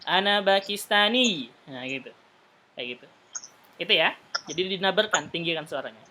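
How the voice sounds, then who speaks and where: Bright-voiced patient male Arabic teacher. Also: a little high, a little hiss or hum. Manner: patient, repeats explanations slowly. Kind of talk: teaching an online Arabic class.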